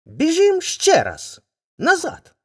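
A woman putting on a high, swooping storybook hare. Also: wildly swooping pitch, slow pace, darkish tone, exaggerated voice. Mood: boastful. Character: boastful male hare, quick to anger.

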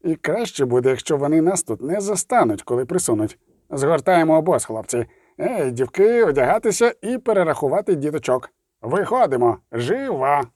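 A man's voice: on the high side, sing-song, moderate pace, a little mellow, no room sound, studio quality. A man voicing a sardonic swearing dwarf. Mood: grumbling. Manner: mocking, swears freely. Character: gruff blunt male dwarf leader, sardonic. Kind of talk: audiobook reading.

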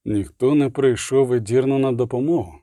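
A man voicing a calm, terse witcher who asks level questions. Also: mid-range voice, moderate pace, no echo, clean studio sound, close to an everyday voice.

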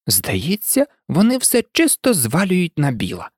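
A woman's voice: low voice, wildly swooping pitch, measured pace, darkish tone, husky, dry recording, clean studio sound, exaggerated voice. A woman voicing a curious, clever young girl who muses aloud to herself. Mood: musing. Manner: musing, talking to herself. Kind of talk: audiobook character voice.

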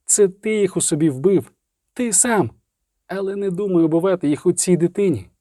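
A man voicing an adult sorceress who talks in a cold, mocking way and grows heated, pitched well above his own voice. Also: animated, warm tone, no echo, clean studio sound. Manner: mocking, fast and rising.

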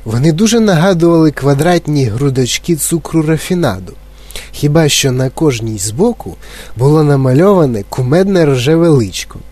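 A man narrating a children's audiobook in an expressive storytelling manner. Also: on the high side, moderate pace.

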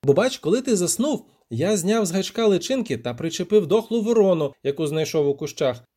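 Dandelion, a man voicing a boastful loud bard. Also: high-pitched, big pitch swings, a little fast, pitched above the performer's own voice. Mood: smug. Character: boastful excitable male poet bard. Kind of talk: audiobook character voice.

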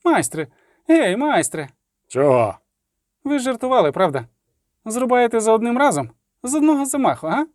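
A man voicing a vain young male troubadour in an audiobook, pleading in a high, whiny voice. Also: sing-song, moderate pace, darkish tone, no echo, studio quality.

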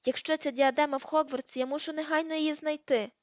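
A woman doing a desperate teenage boy wizard, shouting. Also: sits high, normal speed, no room sound, voice pushed up. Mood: urgent. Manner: shouting, pleading. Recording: dull lo-fi dry audiobook recording.

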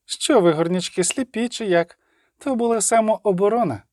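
A man's voice: high voice, moderate pace, dark tone, no room sound, studio quality, pitched above the performer's own voice, lightly acted. A man doing a cheeky young woman thief. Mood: scolding. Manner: cheeky and scolding. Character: brash, sharp-tongued young woman thief.

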